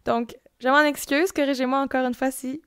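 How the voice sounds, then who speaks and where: A woman's voice: high voice, steady tone, normal speed, smooth, dry recording, clean studio sound. A woman with a Québécois accent, hosting a true-crime podcast and telling the story in a casual, chatty way, with many fillers. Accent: Québécois French.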